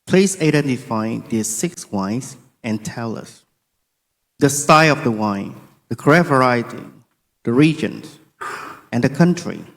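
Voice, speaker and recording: A man acts as examiner, announcing formal task instructions in clipped, measured phrases. His pace is slow and his pitch is average for a man. The hall gives his voice a long reverb. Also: animated, fairly bright tone. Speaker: competition examiner.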